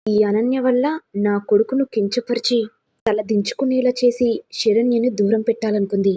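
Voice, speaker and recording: A woman voicing a caring older mother who gently advises her son. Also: fairly high pitch, steady tone, moderate pace, husky. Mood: advising.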